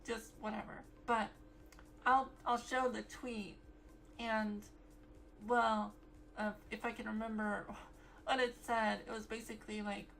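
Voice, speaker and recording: A woman's voice: fairly high pitch, level tone, measured pace, pauses often, fairly bright tone, a little hiss or hum, poor audio. A young woman vlogging in a casual, rambling way, full of fillers and restarts. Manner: rambling, many fillers and self-corrections.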